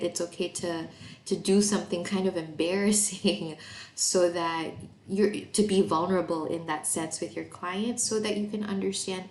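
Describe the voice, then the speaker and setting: A chatty woman from Malaysia leads a training talk, full of fillers and little laughs. Her voice sits a bit low for a woman. It carries a roomy echo over a faint hiss. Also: darkish tone. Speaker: course presenter and therapist. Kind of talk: casual online training talk.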